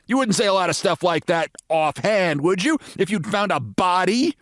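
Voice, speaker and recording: A man's voice: sits high, expressive, moderate pace, fairly bright tone, no echo, studio quality, voice pushed up. A man reading a humorous short story, voicing a chatty, emphatic, opinionated woman. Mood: emphatic, knowing. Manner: emphatic, gossipy, matter-of-fact certainty. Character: opinionated, chatty American woman, avid detective-story fan.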